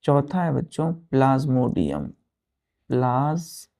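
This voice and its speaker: A man teaching a science class who spells words out letter by letter and keeps asking the pupils if it is clear. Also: mid-range voice, big pitch swings, unhurried, warm tone. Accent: Indian English. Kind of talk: classroom lesson at a board.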